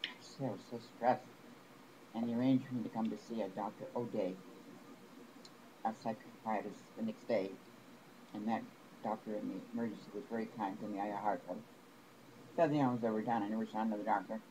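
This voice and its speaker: A man's voice: on the low side, fairly even intonation. Aggrieved man rambling over a noisy recording. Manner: rambling, aggrieved, with halting restarts. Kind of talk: personal complaint to camera.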